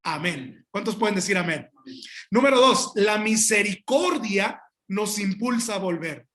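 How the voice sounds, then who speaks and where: A man pastor preaching a sermon, emphatic and addressing the congregation directly, with halting restarts and asides. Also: sits high, lively intonation, a bit bright.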